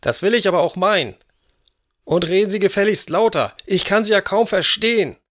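An actor playing an elderly, imperious aristocrat who talks in a gruff, demanding and indignant way in an audio drama. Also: male voice, high voice, fairly quick, fairly bright tone. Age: older.

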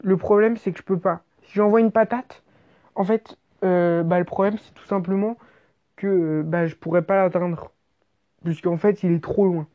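A woman's voice: lowish voice, moderate pace, dull audio. Woman telling a wild comic story. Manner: animated, exaggerated, slangy with swearing.

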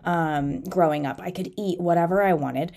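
A woman's voice: on the low side, moderate pace, creaky, a little mellow. A woman in her thirties with a nasal, head-cold voice, chatting informally and candidly as a solo podcast host. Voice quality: nasal, congested. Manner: informal, candid, self-deprecating. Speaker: podcast host and fitness coach.

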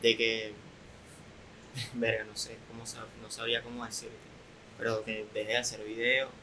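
A young man with a Venezuelan accent, a content creator guest, talking candidly in a relaxed, soft-spoken way. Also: mid-range voice, moderate pace, noisy background. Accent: Venezuelan Spanish. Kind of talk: casual podcast interview.

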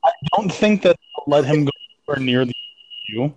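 A man's voice: a little high, lively intonation, fast, a crowd in the background. A man co-hosting a podcast in loose, rambling chat, his voice muffled and underwater-sounding through a headset mic. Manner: loose, rambling, drops in swear words. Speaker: podcast co-host. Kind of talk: casual chat.

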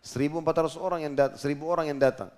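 A man's voice: fairly high pitch, rapid-fire, clean tone. A male preacher telling a story in a sermon, acting out the characters and explaining Arabic terms. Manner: lively storyteller who acts out characters and explains Arabic words.

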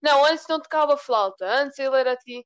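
A teenage girl from Portugal with a European Portuguese accent, chatting casually and telling stories with lively mimicry. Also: high-pitched, quick pace, muffled recording. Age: teens. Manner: animated storytelling, mimics voices in quotes. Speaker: student. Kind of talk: casual chat.

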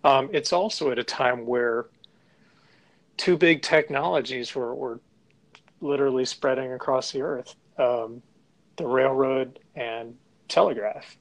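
A man co-hosts a relaxed talk show, his voice sitting at an ordinary middle pitch. He speaks in a halting, casual way, often restarting his sentences. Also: rough recording. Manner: halting, many restarts and fillers. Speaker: podcast co-host. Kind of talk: casual discussion.

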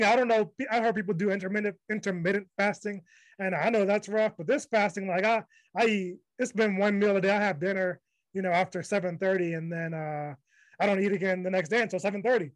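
A man's voice: sits high, brisk, no echo, low-quality recording. A man hosting a sports podcast, talking bluntly and dismissively in casual chat and steering the segments. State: low energy from fasting. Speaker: podcast host.

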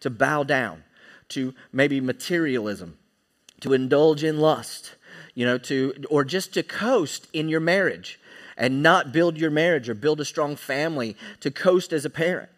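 A man's voice: on the high side, measured pace, a bit bright. A man preaching a sermon in church, emphatic and often checking in with his listeners. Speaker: pastor.

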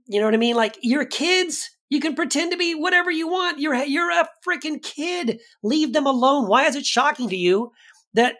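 A man co-hosting a podcast in casual conversation, animated, his voice jumping high for emphasis. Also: normal speed. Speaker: podcast co-host.

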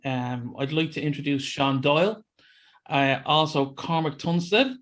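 Irish man, slightly high voice, podcast host, casual chat, informal banter. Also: unhurried, fairly bright tone. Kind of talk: casual chat, introducing guests.

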